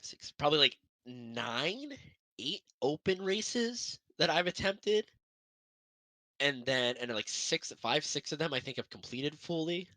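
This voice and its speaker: Young guy rambling about sim racing, bright tense voice, dry close mic. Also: on the high side, expressive, measured pace, dry recording. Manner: rambling, upbeat, self-deprecating. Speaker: sim racing broadcast co-host. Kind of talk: casual podcast chat.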